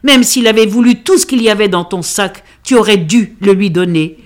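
A harsh, worried father raising his voice at his daughter, read by a woman. He is loud and stern, and the voice is pitched a little above her plain reading. It sounds like a storybook reading. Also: moderate pace, lightly acted. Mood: angry. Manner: loud, scolding.

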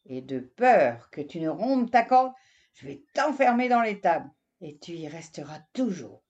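A kindly old farmer from a storybook, fretting loudly over his animals, as a woman puts him on. He speaks slowly and exclaims often. The recording is dull and lo-fi. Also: medium pitch, sing-song. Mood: alarmed. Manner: fretful, exclaiming, pleading.

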